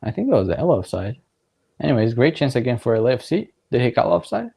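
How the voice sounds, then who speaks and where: A man's voice: mid-range voice, quick pace, creaky, slightly rough. A young man casually talking over a soccer match on his livestream, rambling with lots of fillers and little laughs. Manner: relaxed, rambling, filler-heavy, laughs often. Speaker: livestream watchalong host. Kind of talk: casual live commentary.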